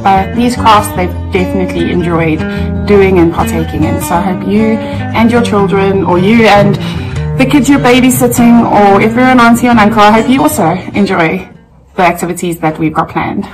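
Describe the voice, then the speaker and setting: A woman's voice: mid-range voice, normal speed, poor audio. A woman in her thirties, a parenting blogger, introducing herself and welcoming viewers in an upbeat way. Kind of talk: friendly introduction to camera. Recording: music playing underneath.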